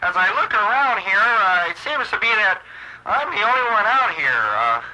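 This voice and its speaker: A man's voice: sits high, big pitch swings, moderate pace, sharp tone, exaggerated voice, poor audio. A man playing a nervous, bumbling correspondent who hesitates and stammers in a parody radio news report. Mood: uneasy. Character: nervous, bumbling male field correspondent at a launch pad.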